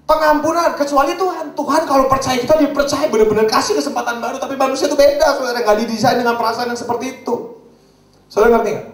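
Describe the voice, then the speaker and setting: A man's voice: very high-pitched, fairly even intonation, fast talker. A male pastor preaching a sermon in a conversational way, often asking his congregation questions. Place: church hall. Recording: echoey hall, mic at a distance.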